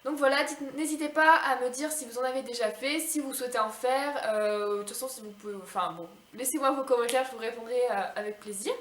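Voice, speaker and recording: Woman, fairly high, rapid and chatty, echoey room, faint hiss. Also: a bit bright. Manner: chatty and rambling, with fillers. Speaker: DIY craft vlogger. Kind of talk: casual outro to viewers.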